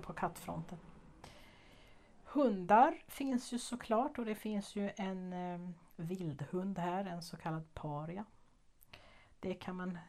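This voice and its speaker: A woman with a slightly low voice chats casually to her viewers in an informal vlog. She rambles and thinks out loud, breaking into soft laughs between her thoughts. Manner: chatty, rambling, musing aloud with soft laughs. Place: living abroad in a warm place.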